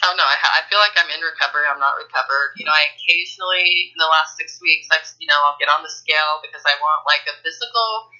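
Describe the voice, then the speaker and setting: A woman calling in for coaching, talking casually and haltingly, with many restarts. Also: low voice, bright, forceful tone. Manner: halting, full of restarts and fillers. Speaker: caller. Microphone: phone. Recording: muffled phone line.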